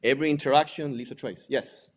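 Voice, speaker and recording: Fast and medium-pitched, this man's voice carries a Puerto Rican accent; he is a native Spanish speaker from Puerto Rico. He's presenting an informal lecture as a digital forensics examiner and instructor. In a conversational way, he often throws out rhetorical questions and tags points with "right?".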